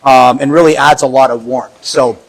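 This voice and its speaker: Inside a large house, a man gives a casual walkthrough as a real estate agent, chatty and upbeat with plenty of fillers and easy laughter. His voice is medium-pitched with fairly even intonation and vocal fry, at a normal speed, and the recording quality is low.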